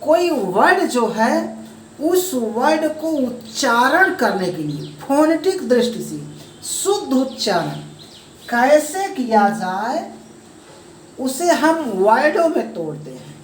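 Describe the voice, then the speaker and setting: A woman teaching an English grammar lesson, explaining slowly step by step and calling the viewers friends. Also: high voice, big pitch swings, slight background noise. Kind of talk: classroom-style grammar lesson. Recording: echoey room, voice from a distance, faint ambience.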